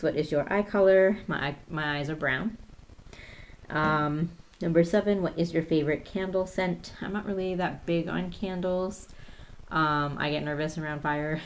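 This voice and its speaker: A woman's voice: deep voice, slight background noise. A woman in her thirties chatting casually through a tag video, hesitant and full of ums as she reads questions off her phone. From Canada. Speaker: YouTube vlogger.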